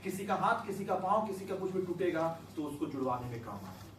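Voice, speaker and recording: A man's voice: high-pitched, expressive, quick pace, slight background noise. A man teaching an accounting class in a coaxing tone, asking questions and repeating them for the students to answer. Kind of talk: classroom lecture. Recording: echoey room, mic at a distance.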